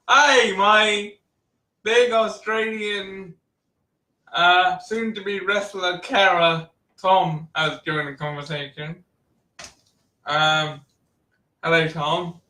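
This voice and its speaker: A man hosting a casual wrestling chat, relaxed and chatty, laughing often. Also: high-pitched, extremely slow, long pauses. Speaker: podcast host. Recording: roomy echo, distant mic.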